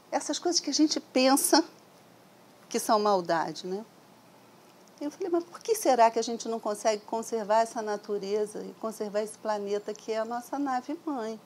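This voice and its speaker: Middle-aged woman lecturing on a stand mic in a hall, chatty and reflective, little bit of room hiss. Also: mid-range voice. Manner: conversational, reflective, frequent "né?" tags. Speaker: speaker giving a talk. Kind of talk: lecture to an audience. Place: hall with seated audience. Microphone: stand microphone.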